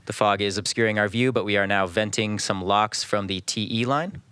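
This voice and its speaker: Smooth, lowish-voiced man giving live launch commentary. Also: normal speed, bright, forceful tone, no echo. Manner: composed, informative. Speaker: launch webcast host.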